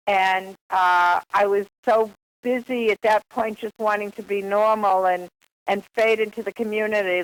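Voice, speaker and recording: Older woman, Boston accent, reflective and wordy, personal storytelling, radio interview guest on a telephone line. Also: mid-range voice.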